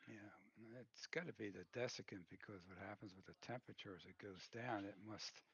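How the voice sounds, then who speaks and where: Husky gravelly low man chatting. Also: fairly quick. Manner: relaxed, agreeable, back-channel replies. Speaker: caller on voice chat. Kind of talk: casual chat. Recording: dull lo-fi voice chat audio.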